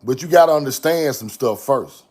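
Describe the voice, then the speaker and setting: A man's voice: mid-range voice, expressive, moderate pace, a little mellow. A young man from Mississippi, talking casually and emphatically to his chat audience with repeated catchphrases. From Mississippi, USA. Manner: repetitive catchphrases, preachy and emphatic. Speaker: online video host.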